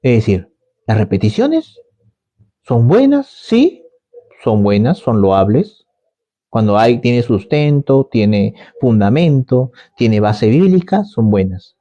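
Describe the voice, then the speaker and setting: Mellow-voiced man preaching a sermon. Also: mid-range voice, big pitch swings, takes it slowly, lo-fi sound. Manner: conversational, repetitive phrasing with rhetorical questions.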